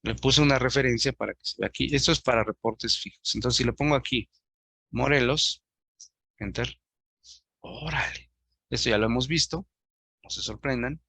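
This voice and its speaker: A man's voice: medium pitch, brisk, gravelly, a bit bright, no echo. A man teaching an online class, patiently explaining step by step and addressing his students directly.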